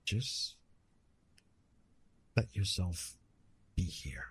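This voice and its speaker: Husky, deep and extremely slow, a man fully inhabits the character of a retired immortal Greek god of love in an intimate ASMR roleplay. He speaks to the listener conversationally, soothing and gently teasing.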